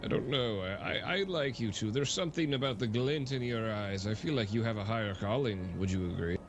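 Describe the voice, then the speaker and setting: A man playing a mysterious wandering riddler in an improvised game role-play, speaking slowly and grandly. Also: lowish voice, background noise, natural voice. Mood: cryptic. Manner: slow, grandiose, riddling speech. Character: mysterious wandering male riddler, cryptic and solemn.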